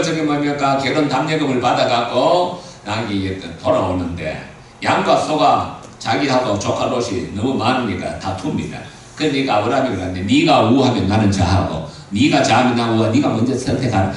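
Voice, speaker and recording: A man's voice: mid-range voice, slight background noise. An older man preaching a sermon, telling the story in a folksy way and acting out the dialogue between characters. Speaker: pastor. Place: church sanctuary. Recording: roomy echoey hall, mic at a distance.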